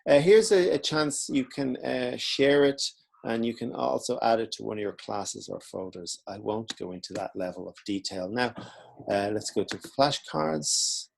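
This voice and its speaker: A man teaching in a relaxed, informal way, walking through a screen-recorded software tutorial. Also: medium pitch, normal speed, creaky. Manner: relaxed, informal explaining while clicking.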